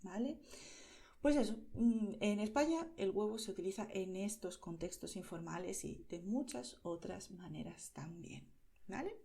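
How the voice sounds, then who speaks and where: A woman from Spain with a Spain Spanish accent, teaching pronunciation to learners slowly and clearly, often checking in with "¿vale?". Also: mid-range voice, lively intonation, dark tone. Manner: slow, clear, over-articulated, checks in with "¿vale?".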